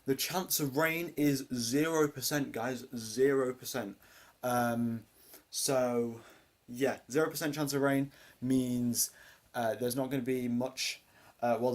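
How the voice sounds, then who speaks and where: A teenage boy whose voice is deep for his age hosts a relaxed live watchalong of a race. He rambles through answers to chat questions, filling them with plenty of ums and uhs.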